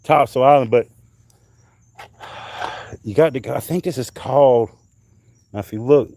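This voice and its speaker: Outdoors in the heat of a summer night, a middle-aged man from North Carolina rambles on a livestream while showing off his finds, cursing along the way. He has a mellow, mid-range voice and a moderate pace.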